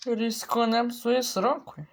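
A man giving casual gameplay commentary, excitable and cursing, yelling at the creatures in his game. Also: very high voice, takes it slowly. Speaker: let's play gamer.

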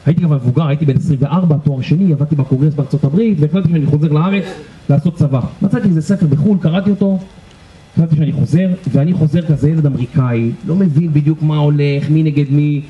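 A man guiding a tour group outdoors, telling lively anecdotes and laughing as he talks. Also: a little high. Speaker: tour guide. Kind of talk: storytelling lecture to a tour group. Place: outdoors at a historic site. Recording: muffled outdoor recording with faint ambience.

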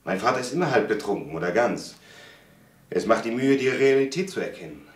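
A young son lays out the night's events in a measured, steady telling, as a man plays him. His voice is fairly low and sounds roomy and a little distant over a faint hiss. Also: natural voice. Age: young adult. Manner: measured storytelling. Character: young son recounting a crime, tense. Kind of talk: 1970s TV crime drama monologue.

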